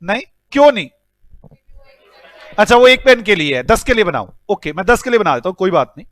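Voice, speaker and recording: A man's voice: high-pitched, fast talker, dry recording. An Indian man with an Indian accent teaching an accounting class, telling stories with mock scolding. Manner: animated storytelling with mock scolding. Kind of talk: classroom lecture.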